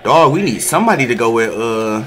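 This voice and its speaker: A man reacting excitedly to football highlights, loud and full of profanity. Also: fairly quick, crowd noise. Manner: loud, profane, animated hype. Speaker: fan reacting to game highlights.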